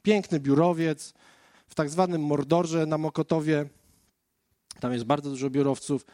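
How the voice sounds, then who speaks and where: A man's voice: fairly high pitch, steady tone, moderate pace, warm tone, no echo, studio quality. A man preaching a conversational sermon, telling his own testimony as a story and speaking straight to the listeners. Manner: storytelling, addressing the listeners directly.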